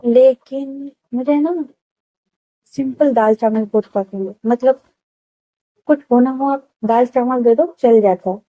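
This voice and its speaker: A woman voicing an easygoing, teasing woman of thirty, with a hoarse throat. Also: on the high side, unhurried, pauses often, warm tone, dry recording, natural voice, poor audio. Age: 30s.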